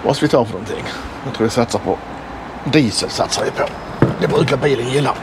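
A man's voice: medium pitch, animated, heavy background noise. A middle-aged man vlogging his road trip, chatting enthusiastically to a handheld action camera as he walks outdoors and through a roadside rest stop. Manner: chatty, enthusiastic tour-guide commentary. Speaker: travel vlogger. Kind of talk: casual travel vlog narration. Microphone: action camera held at arm's length.

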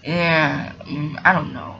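A woman's voice: sits low, fairly even intonation, slow pace, creaky, full character voice. A woman voicing an eager, polite young male steam engine who stumbles over his words in a storybook reading. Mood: excited. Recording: muffled noisy home recording.

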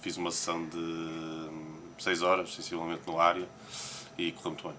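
Here a Portuguese poker player talks in a low, monotone, pushed and bright voice at a moderate pace, with a little background hiss or hum. Interviewed on a Las Vegas morning, he casually comments on newspaper headlines in a European Portuguese accent, pausing and hesitating frequently.

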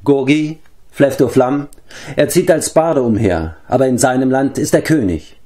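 A man's voice: medium pitch, moderate pace, warm tone, pitched above the performer's own voice, lightly acted. A man voicing an earnest young male hero, a humble pig-keeper, in a storybook reading. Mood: firm. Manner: earnest, hopeful.

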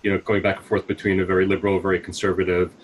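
The voice is deep and nearly monotone, racing along as a nonprofit CEO in his forties from the US answers interview questions. Reflective, he leans heavily on fillers and keeps restarting. He's using wired earbuds on a video call from a small room at home, with a little hiss or hum audible.

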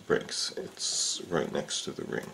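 Slow yet pushed and bright, a man's voice guides a casual how-to on repairing a fishing rod. He works at an indoor bench, unhurried and leaning on frequent filler sounds. A little hiss or hum is present.

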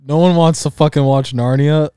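A man's voice: fairly even intonation, moderate pace, mellow, clear, resonant tone, no echo, studio quality. A man co-hosting a podcast, laughing off teasing with defensive, muttered replies. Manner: laughing, defensive, mumbling low asides. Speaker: podcast co-host. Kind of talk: casual joking chat.

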